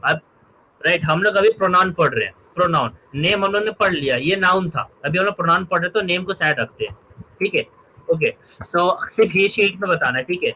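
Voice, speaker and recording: A man teaches grammar in a high, bright voice. He works through examples and keeps asking whether his students have understood. There is a faint hum behind him. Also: fairly quick, poor audio. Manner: checks understanding often, explains by examples. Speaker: English teacher. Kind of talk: spoken grammar lesson.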